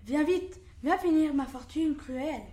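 Wretched fable man, dramatic lament, high voice, echoey room, played by a woman. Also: measured pace, mellow. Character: miserable wretched man begging.

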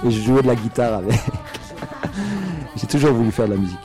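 Raised in France, a singer and musician answers questions in a casual radio interview with faint music playing behind him. His mid-range voice is very animated, a bit fast, and dark in tone. He answers loosely and hesitantly, with many fillers and small laughs.

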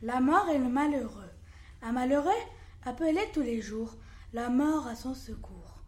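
Woman fable narrator, high and expressive, echoey room. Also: a little slow. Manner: expressive recitation. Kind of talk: fable recitation.

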